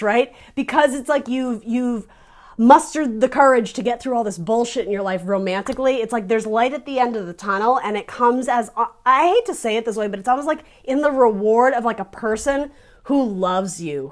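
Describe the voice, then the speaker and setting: A woman giving a casual tarot reading, chatty and animated, restarting her sentences and laughing between thoughts. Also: fairly high pitch. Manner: laughs often while talking. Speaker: tarot reader.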